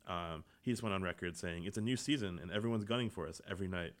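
A man co-hosting a casual sports podcast, relaxed, reading out quotes and chuckling. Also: deep voice, fast talker. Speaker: podcast co-host.

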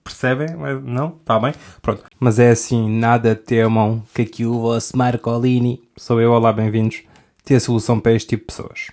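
A young podcast host with a European Portuguese accent delivers a rambling, self-interrupting comic monologue, laughing often. His mid-range voice is a little mellow, with fairly even intonation at normal speed.

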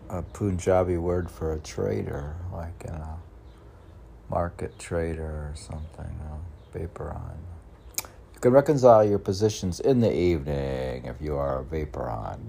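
Low-pitched, creaky and mellow, this middle-aged man's voice moves at a measured pace as he reads his own poetry. Between declaimed lines he mutters offhand remarks to himself, with faint noise in the background.

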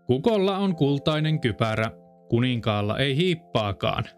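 A man's voice: medium pitch, sing-song, faint music behind. A man voicing a proud, boastful male rooster who chants his verses in a fairy-tale reading. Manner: boastful, crowing sing-song verse.

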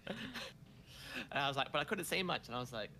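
Man, casual storytelling, bright forceful tone, fairly low voice, laughs a lot, faint background noise. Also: animated, brisk. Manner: laughs often, acts out quotes with restarts. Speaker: parent recounting a story. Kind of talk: casual conversation.

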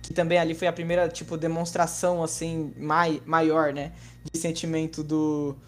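A man's voice: fairly high pitch, monotone, normal speed. A man with a Brazilian accent chatting casually and enthusiastically about films in a slangy way as a podcast co-host.

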